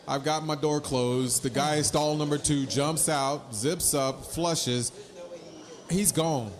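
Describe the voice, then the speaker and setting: A man's voice: a little high, steady tone, takes it slowly. A man co-hosting a casual live show, rambling and joking, laughing often. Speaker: podcast co-host. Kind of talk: casual banter on a live stream.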